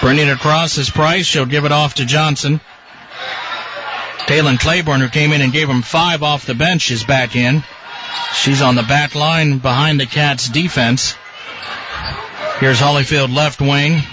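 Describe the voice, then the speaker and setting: A man's voice: a little high, steady tone, measured pace, pauses often. A man doing live play-by-play basketball commentary as a radio announcer. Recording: dull radio feed, loud gym noise. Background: gym ambience, bouncing basketball.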